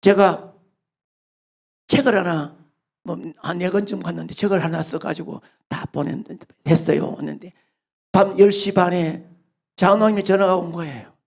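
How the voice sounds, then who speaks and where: A Korean pastor with a Gyeongsang accent preaching a sermon as animated storytelling, moving between loud and quiet passages. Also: male voice, high voice, normal speed, vocal fry, pauses often.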